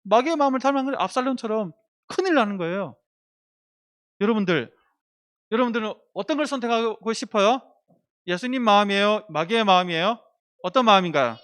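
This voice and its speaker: A man with a high voice gives a sermon to children. He keeps asking them questions and gets them reading aloud and praying along with him. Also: expressive, fairly quick, pauses often, fairly bright tone. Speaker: children's pastor.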